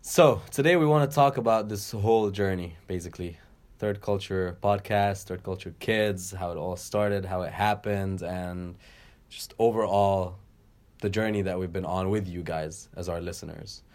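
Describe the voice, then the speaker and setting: A man co-hosting a podcast, telling stories in a relaxed way and laughing often. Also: deep voice, normal speed. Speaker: podcast co-host. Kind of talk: casual chat.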